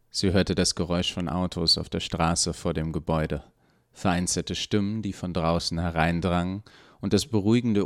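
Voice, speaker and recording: Deep, gravelly-voiced male storyteller. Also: no room sound, studio quality. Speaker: narrator. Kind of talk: audiobook reading of a serial story.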